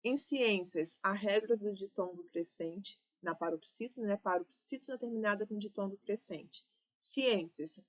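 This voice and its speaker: A woman's voice: medium pitch, a bit bright. Brazilian woman teaching grammar for exams. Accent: Brazilian Portuguese. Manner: explanatory, checks understanding with "ok?" and "né?". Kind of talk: exam-prep grammar lesson.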